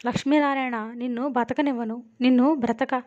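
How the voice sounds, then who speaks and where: A woman's voice: fairly high pitch, steady tone, normal speed, a little mellow, natural voice. A woman voicing a vengeful young hero. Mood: furious. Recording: dull lo-fi audio.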